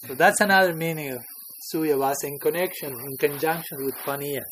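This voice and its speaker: Brief: man with a slightly high voice teaching scripture, chuckly, asks the room questions, faint hiss behind. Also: fairly quick, a bit bright, rough recording. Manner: chuckling, checks in with listeners. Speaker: spiritual teacher. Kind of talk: scripture class.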